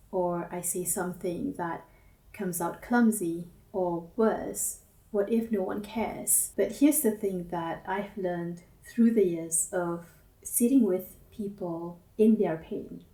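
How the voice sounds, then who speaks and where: An unhurried woman in her forties with a lilt, speaking softly and thoughtfully about her own path. Her voice is warm and mellow, and she is set back from the mic in a roomy, echoing space. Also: medium pitch. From Singapore. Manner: gentle, measured, introspective. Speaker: counselor and academic advisor. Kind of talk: reflective personal monologue. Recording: roomy echo, mic at a distance.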